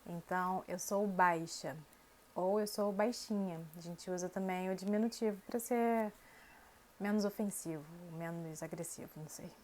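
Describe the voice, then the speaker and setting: A Brazilian woman teaches a Portuguese language lesson to camera with a Brazilian Portuguese accent, speaking clearly and slowly through spoken examples. Her voice is fairly low-pitched and a little mellow, with a bit of hiss or hum.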